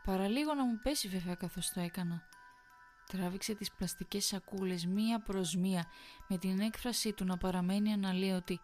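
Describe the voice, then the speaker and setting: A woman narrating a horror story in a measured, tense storytelling manner. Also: mid-range voice, darkish tone, faint music behind.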